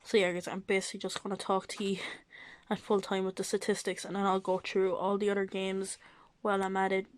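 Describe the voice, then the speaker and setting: A woman's voice: mid-range voice, monotone, brisk, no echo, rough recording. A woman with the hiccups, casually running through football results and lineups and often excusing herself. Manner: reads out lineups, keeps apologizing. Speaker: football vlogger. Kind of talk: casual live football reaction.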